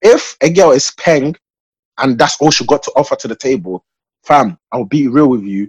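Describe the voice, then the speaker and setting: Young man, London roadman accent, husky, dry close sound, slangy, emphatic, opinionated casual chat. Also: medium pitch, lively intonation, normal speed, dry recording, poor audio. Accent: London roadman, multicultural urban slang. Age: young adult. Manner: emphatic, opinionated, repeatedly checking he is understood.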